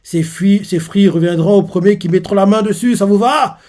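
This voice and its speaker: A man's voice: sits high, moderate pace, warm tone, voice pushed up, lightly acted. Man doing a commanding pirate captain. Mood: taunting. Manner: commanding, taunting.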